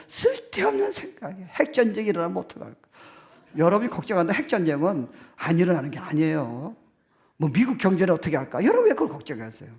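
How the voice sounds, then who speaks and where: A male pastor giving a lively sermon, laughing often, acting out voices and dropping in English phrases. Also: fairly high pitch. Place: church sanctuary.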